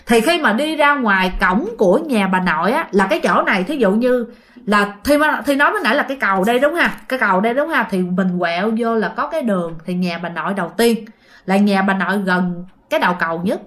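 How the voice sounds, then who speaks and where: A woman's voice: mid-range voice, expressive, brisk, a bit bright. A woman casually retelling a listener's ghost story, chatting directly to her audience.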